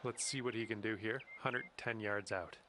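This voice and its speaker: A man's voice: on the low side, steady tone, moderate pace, bright, forceful tone. A man giving casual golf commentary, calling each shot in short, reactive remarks. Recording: crowd and outdoor ambience noise behind. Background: crowd murmur and ambient noise.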